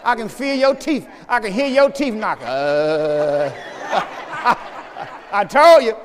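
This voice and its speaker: Male pastor, high voice, sermon in a church with long reverb; swings from loud calls to quiet asides. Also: moderate pace, slight background noise. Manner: animated preaching with sudden shouts and low asides, talking to the congregation.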